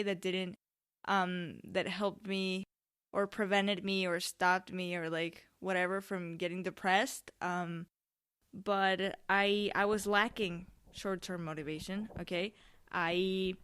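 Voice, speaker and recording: Speaking into a microphone on a tripod, this podcast host chats solo in a loose, wandering style, frequently interrupting herself to go off on tangents. She is a young woman of seventeen, with a smooth, slightly bright mid-range voice.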